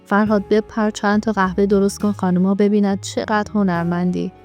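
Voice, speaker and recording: A woman's voice: mid-range voice, level tone, darkish tone, faint music behind, natural voice. A woman voicing a cheeky, joking young man in a spoken story, full of teasing banter.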